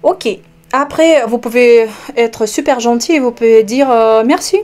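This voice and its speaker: A woman from Russia with a Russian accent, a language teacher explaining words slowly with hesitations and repeated examples. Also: on the high side, a little mellow, faint music behind. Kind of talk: online language lesson.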